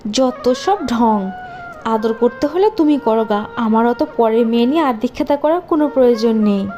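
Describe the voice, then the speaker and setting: A woman voicing a cruel, scheming stepmother in a cartoon, with a sneering, shrill way of talking. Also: expressive, moderate pace, mellow, dull audio, natural voice.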